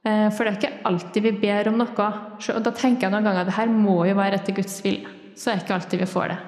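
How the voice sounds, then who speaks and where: A woman giving a sermon in church, speaking in a thoughtful, plain way with many small pauses and fillers. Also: medium pitch, a little mellow, roomy sound, long reverb tail. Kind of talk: sermon on prayer.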